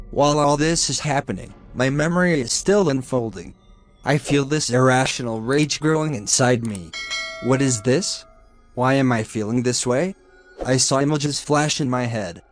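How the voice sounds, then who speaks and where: A man narrating a first-person horror story in a steady, scripted storytelling delivery. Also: mid-range voice. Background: faint music.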